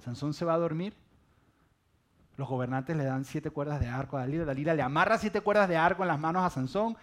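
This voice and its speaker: Lively preacher, fairly high voice. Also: male voice, fairly quick. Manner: lively storyteller, acting out scenes with humor. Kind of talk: sermon.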